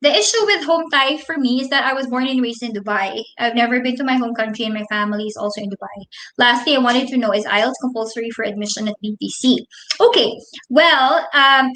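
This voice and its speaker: A woman in her thirties from the Philippines, with a Filipino accent, hosts a casual live Q&A stream, switching between English and Tagalog. Her high, slightly bright voice moves fairly quickly as she friendlily reads viewers' comments aloud and explains at length. The recording is rough and sounds roomy.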